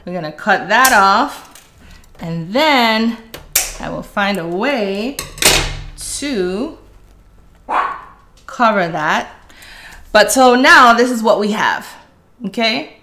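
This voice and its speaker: Speaking slowly and pausing often, a middle-aged woman chats with viewers as she hosts a craft tutorial live from a room at home, calling them "guys" while she works. Her medium-pitched voice is bright and forceful, with lively intonation, over a little hiss or hum.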